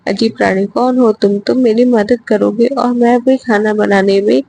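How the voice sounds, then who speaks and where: A lazy, fretful young man who frets and grumbles under his breath, as a woman reading the tale puts him on. The tone is mellow and a little high. The husky grain stays throughout. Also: steady tone, normal speed, poor audio. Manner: worried, grumbling to himself.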